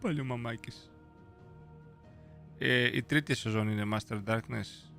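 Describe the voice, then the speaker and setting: A man's voice: mid-range voice, vocal fry, fairly bright tone. A young man hosting a casual live stream, playful and slangy, chatting with viewers and reading their messages aloud. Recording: faint music behind.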